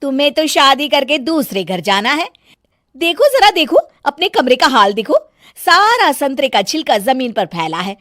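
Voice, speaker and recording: High-pitched cartoon wife voiced by a woman, nagging, scolding, shrill, dry close sound. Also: sing-song, normal speed, fairly bright tone, no echo. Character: bossy nagging young wife, fault-finding.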